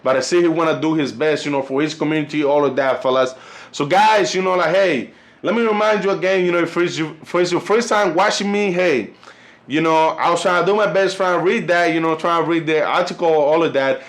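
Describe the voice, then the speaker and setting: A Colombian man in his twenties, a native Spanish speaker, hosts a YouTube channel and talks fairly quickly in a higher voice with a Colombian Spanish accent. His casual vlog commentary rambles and is packed with filler, especially "you know" and "fellas."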